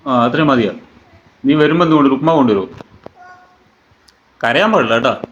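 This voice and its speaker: A man's voice: medium pitch, expressive, brisk. A man from Kerala, a father vlogging at home and playfully quizzing his small child. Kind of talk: casual family vlog. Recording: roomy, dull, noisy home recording.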